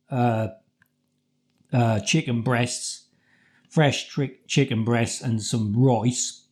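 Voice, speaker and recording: Casting: middle-aged British male vlogger, soft-edged mellow tone, chatty and colloquial, circles back over his points. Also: mid-range voice. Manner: halting, repetitive, colloquial. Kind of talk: casual rambling personal storytelling.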